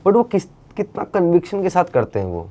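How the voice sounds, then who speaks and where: A man speaking as an interview guest, talking in an animated, casual way and dropping English phrases into his speech. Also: sits high, brisk, muffled recording. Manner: animated, mixes English into speech, many fillers. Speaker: interview guest, actor and creator.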